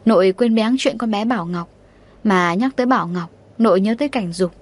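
A woman's voice: medium pitch, brisk, natural voice. A woman reading the lines of an elderly grandmother who heads a wealthy family in an audiobook. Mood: wistful. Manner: commanding, then musing.

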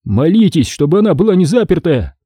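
A man voicing a cautious, steady teenage boy in a horror audiobook. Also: on the high side, fairly quick, husky, no room sound, studio quality, pitched above the performer's own voice. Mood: tense.

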